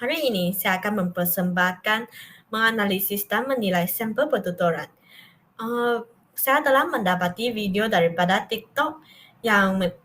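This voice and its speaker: A young woman student giving a class presentation, reading from notes with hesitant pauses and restarts. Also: mid-range voice, fairly bright tone.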